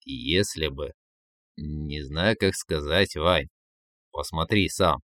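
A man voicing Koschei, a sly, lazy male villain who drawls his lines low and slow. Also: a bit bright, dry recording, studio quality, exaggerated voice.

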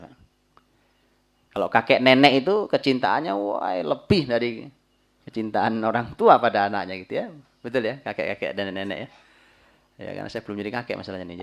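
A man in his forties preaching a sermon with an Indonesian accent, talking straight to his listeners and raising his voice to act out quotes. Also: creaky. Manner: lively, addresses listeners as "Pak", voice swings high when acting out quotes. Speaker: Islamic preacher. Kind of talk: lecture sermon to a congregation.

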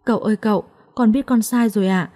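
A woman's voice: mid-range voice, quick pace, warm tone, close to an everyday voice. A woman voicing a naive young servant girl who begs tearfully. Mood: pleading. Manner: tearful, begging.

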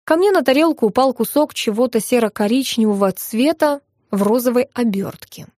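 A woman narrating a comic novel in a lively, wry first-person telling. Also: a little high, moderate pace, no room sound, clean studio sound. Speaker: audiobook reader.

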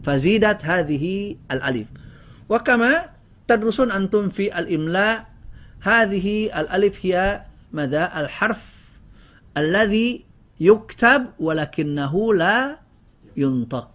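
A man's voice: high-pitched, lively intonation, a little slow, fairly bright tone. A man teaching a grammar lesson to a class, drilling word lists and quizzing students with questions. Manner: often breaks off and restarts words.

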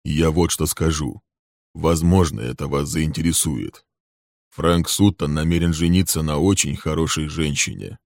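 A man voicing a composed man who speaks slowly and evenly. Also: rumbling low, gravelly, a little mellow, no echo, clean studio sound. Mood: measured. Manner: slow, level, measured. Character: calm, composed man, coolly threatening.

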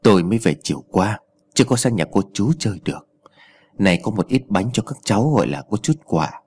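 A man's voice: fairly low pitch, expressive, brisk, a little mellow, husky. A man playing a weary, defiant village husband. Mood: strained. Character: worn-down, hard-pressed young village husband.

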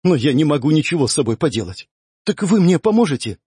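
A man's voice: a little high, big pitch swings, fast talker, warm tone, husky, dry recording, studio quality, pitched above the performer's own voice, full character voice. A man voicing a desperate young woman who begs for help in an urgent, pleading way, in an audiobook. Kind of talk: audiobook character voice.

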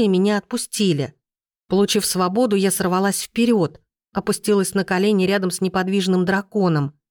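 A woman's voice: medium pitch, a little mellow, dry recording, studio quality. A woman narrating a first-person fantasy audiobook in an urgent, emotional way.

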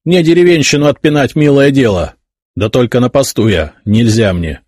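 A man's voice: medium pitch, normal speed, darkish tone, dry recording, clean studio sound, pitched above the performer's own voice, close to an everyday voice. A man voicing a stubborn, fierce boy warrior who talks back defiantly. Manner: defiant, insistent.

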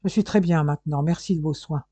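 A man reading a gruff, curt police detective who grumbles in a storybook reading. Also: on the high side, fast, warm tone, no room sound. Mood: grumbling. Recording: dull lo-fi recording.

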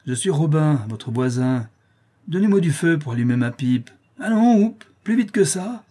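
A hulking drunken brute shouts and slurs his threats, as a man reads him. His husky, dark voice is pushed up high and loud. He comes across as menacing and bullying. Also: normal speed, natural voice. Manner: bellowing, threatening, slurred. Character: drunken lame brutish male neighbor.

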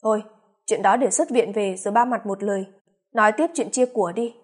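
A woman reading the part of a wise older eldest brother, speaking slowly and in measured tones. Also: sits high, slightly rough. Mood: firm. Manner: slow, measured lecturing.

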